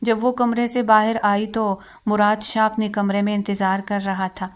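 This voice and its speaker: A woman reading a romance novel aloud as scripted narration, in a steady, even manner. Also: mid-range voice.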